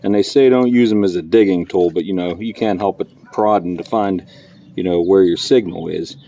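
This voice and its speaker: A man, vlogging casually as he metal detects in a public park, excitable and chatty as he calls out his finds. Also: sits low, moderate pace, a little hiss or hum. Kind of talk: casual vlog narration while detecting.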